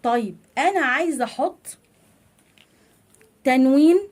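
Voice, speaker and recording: A woman with an Egyptian Arabic accent teaching a children's reading lesson, asking questions and answering them herself, stretching out sounds slowly. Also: on the high side, lively intonation.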